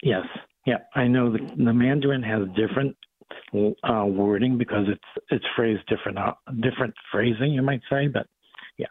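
A man's voice: medium pitch, moderate pace, dry recording. Older Boston-accented man on the phone. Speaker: doctor, radio guest. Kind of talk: casual interview. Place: phone call into radio show. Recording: thin phone-line sound.

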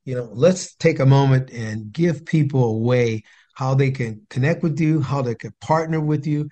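A man hosts an interview show, speaking at a middle pitch. He asks his questions with enthusiasm and encouragement. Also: normal speed, dark tone. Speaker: show host. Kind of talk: casual interview talk.

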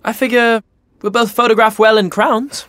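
An actor playing a blunt, sarcastic young prince who talks in slang and swears freely. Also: male voice, very high-pitched, steady tone, moderate pace, fairly bright tone, dry recording. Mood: teasing.

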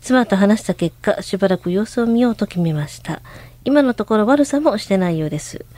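A woman's voice: mid-range voice, animated, a little fast, mellow. A woman co-hosting a radio show, reading a listener's letter aloud.

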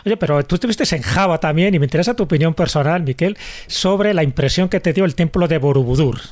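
A man hosts an interview in a fairly high voice. He strings his questions together at length and keeps checking in with little tag questions. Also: fast, darkish tone. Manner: long, leading questions with tag ¿no?. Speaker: host.

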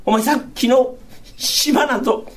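A male rakugo storyteller voicing a patient, scolding Edo working-class wife, in soft, chiding old speech. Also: very high voice, fairly even intonation, moderate pace, voice pushed up.

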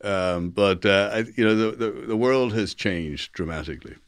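A man's voice: on the low side, normal speed, smooth, no room sound, studio quality. A middle-aged or older man with a Dublin Irish accent, speaking as an interview guest in a conversational, storytelling way, acting out dialogue and repeating phrases for emphasis. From Dublin, Ireland. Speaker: interview guest, technology executive.

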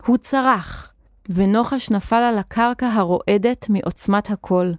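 Expressive woman reading a children's story. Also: medium pitch, no room sound, clean studio sound. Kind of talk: children's audio story narration.

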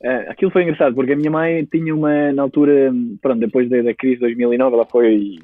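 A Spanish man in his twenties, with a Spanish accent, speaks Portuguese as a guest entrepreneur, hesitating and restarting often. His medium-pitched voice is steady and quick, with no room sound, over a tinny, phone-like line.

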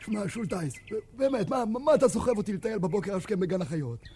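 A man's voice: high-pitched, animated, warm tone, a little hiss or hum. A man playing a whiny, broke young soccer player in a comedy sketch, stammering and haggling over pay. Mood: complaining.

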